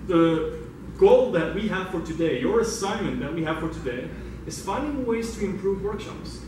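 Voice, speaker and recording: A Belgian man, acting as speaker and workshop facilitator, gives an informal talk to a meetup audience in an indoor meetup room, keeping it conversational and drawing listeners in with questions. His voice is high with lively intonation at a moderate pace. He sits far from the microphone in a very reverberant room, with clear background noise beneath his speech.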